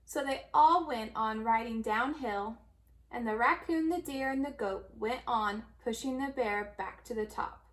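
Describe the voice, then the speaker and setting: A storybook reader, a woman with a fairly high voice, reads a children's story aloud at a measured pace. Her manner is expressive, in the style of a storyteller.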